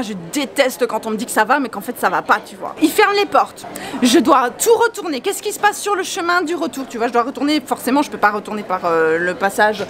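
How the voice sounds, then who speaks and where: Animated exasperated young woman vlogger. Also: a little high. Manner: animated, exasperated, swears freely. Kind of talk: casual storytelling vlog.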